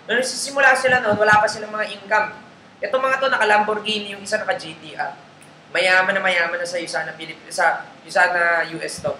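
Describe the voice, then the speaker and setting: This network marketing trainer's voice is high, brisk, pushed, and bright, with fairly even intonation, as he coaches a group live. He speaks casual Tagalog blended with English and often checks in with listeners. The room echoes, and faint noise lingers.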